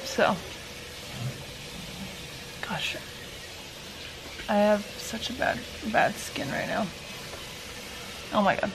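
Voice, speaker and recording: A woman's voice: medium pitch, extremely slow, vocal fry, long pauses. A woman in her twenties chatting casually to her vlog camera at home as a stay-at-home mom. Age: 20s. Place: living rooms at home, indoors. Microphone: camera mic, close or handheld. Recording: noisy home recording, household sounds behind.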